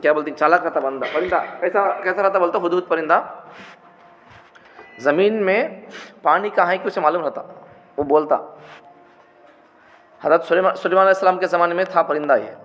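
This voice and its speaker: A religious teacher with a high, fairly bright voice lectures on prayer, speaking a little fast and pausing often. Rhetorical questions and repeated points run through his talk. The recording comes from a dull, echoey hall with faint noise.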